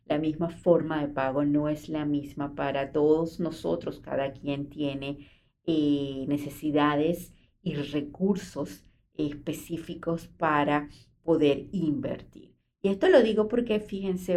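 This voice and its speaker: Low, mellow-voiced Latin American Spanish woman. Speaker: host of a program about vacation properties. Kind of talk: informal explanatory monologue to an audience.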